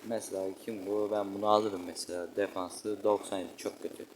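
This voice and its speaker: Playing a football video game in an indoor room, this gaming channel host reacts to each play with slangy grumbles and exclamations. His voice is on the low side, flat and a little quick, and kids can be heard shouting outside over a noisy background.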